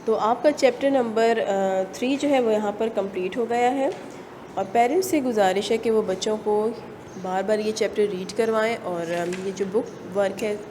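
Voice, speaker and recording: A woman teacher with a Pakistani accent, giving an online class, dictating sentences slowly word by word and then explaining them. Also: medium pitch. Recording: long reverb, faint room noise.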